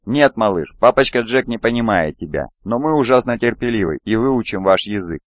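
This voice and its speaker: A man reading a gentle fatherly prospector. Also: fairly low pitch, expressive, fairly quick, no echo, muffled recording, natural voice. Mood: tender.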